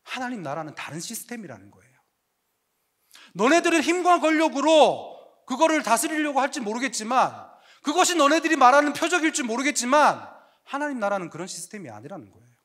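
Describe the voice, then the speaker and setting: A male pastor preaching a sermon to young adults, animated and joking, with lots of rhetorical questions. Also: extremely high pitch, fairly quick.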